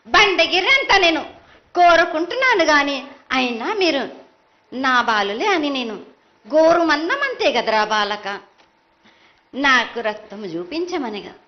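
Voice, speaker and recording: High, swooping woman oracle in prophetic trance. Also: big pitch swings, measured pace, pauses often. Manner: chanting, incantatory, with insistent repeated phrases. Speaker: oracle speaking as the mother goddess. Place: live temple festival ritual. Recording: dull lo-fi live broadcast sound.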